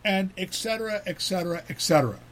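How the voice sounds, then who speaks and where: Male host, slightly high voice, loose chatty delivery with many restarts. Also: quick pace. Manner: rambling, repeats words, animated. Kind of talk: casual talk show chat.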